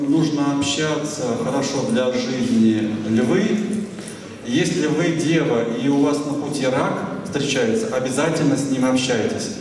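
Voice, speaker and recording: A man in his fifties, a writer answering audience questions at a library talk, musing and digressive, with pauses and fillers. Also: medium pitch, a little mellow, slight background noise. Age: 50s. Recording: echoey hall, voice picked up from a distance.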